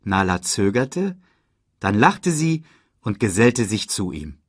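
A man narrating a children's storybook audiobook in a slow, measured reading. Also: lowish voice, sing-song, slightly rough, dry recording, studio quality.

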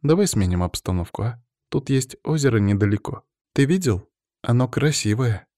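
A man reading an audiobook, voicing a caring, teasing woman who speaks softly and tenderly to her partner. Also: mid-range voice, lively intonation, moderate pace, dry recording, clean studio sound, voice pushed up, close to an everyday voice.

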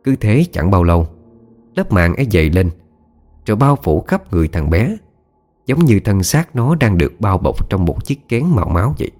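A man's voice: fairly low pitch, very animated, moderate pace, darkish tone. A man giving scripted, dramatic narration of a horror story. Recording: faint background music.

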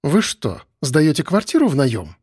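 Stern mocking female major, brisk and commanding, raised voice, a man putting her on. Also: fairly high pitch, wildly swooping pitch, darkish tone, husky, no echo, studio quality, exaggerated voice. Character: stern sarcastic woman police major.

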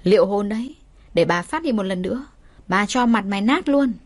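A woman doing a furious shrill wife. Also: animated, a little fast, lightly acted. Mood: cold threatening. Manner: shrill, scolding. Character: furious middle-aged wife, shrill and vicious.

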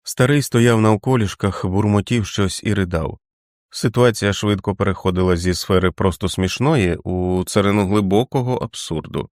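A man narrating an audiobook in a measured, expressive reading voice. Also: fairly low pitch, no echo, clean studio sound.

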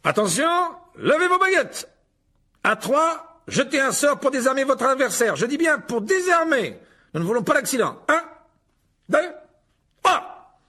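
A man voicing a vain, pompous adult wizard teacher who boasts in a high, theatrical, booming voice. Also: sing-song, a little fast, gravelly, fairly bright tone, husky, heavily acted. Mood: showy commanding.

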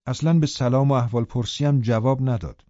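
A male audiobook narrator reads in a calm, even storytelling manner. His voice is dark and mellow, with a middle pitch. The sound is dry and a little dull, like a lo-fi studio read. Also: no room sound. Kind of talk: scripted narration.

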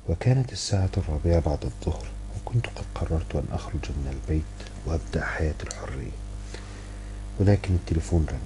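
A man with an Egyptian accent reading a novel aloud in the first person, measured, with wry asides. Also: a bass voice, background noise. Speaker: audiobook reader.

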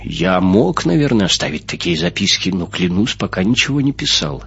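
A man reads as a deep-voiced older navigator, plain-spoken and puzzled by what he hears. The voice is husky. The audiobook recording sounds muffled and lo-fi. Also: very animated, moderate pace, a bit bright, heavily acted.

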